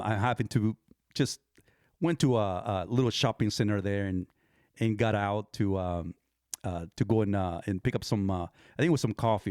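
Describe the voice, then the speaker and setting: A man's voice: lowish voice, a little mellow, no room sound, studio quality. A man hosting a podcast, telling a story in a casual, rambling way, with restarts and chuckles. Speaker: podcast host.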